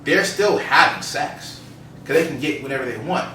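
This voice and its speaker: A man's voice: on the high side, lively intonation, moderate pace, sharp tone. A man co-hosting a podcast, explaining his opinions in casual, emphatic conversation. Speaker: podcast co-host. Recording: roomy, distant mic, faint noise.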